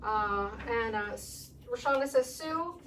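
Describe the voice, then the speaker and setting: A chatty woman hosts a live furniture painting demo, reading viewer comments aloud as she works. Her voice sits a little high and comes from a distance. There is some room noise behind her in the paint room. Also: animated, a little slow. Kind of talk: casual live demo chat. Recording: distant mic with background noise.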